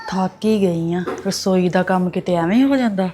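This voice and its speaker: A woman's voice: fairly low pitch, normal speed, warm tone, faint music behind, close to an everyday voice. A woman playing a married daughter chatting with her mother on the phone. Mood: chatty. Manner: chatty, gossipy.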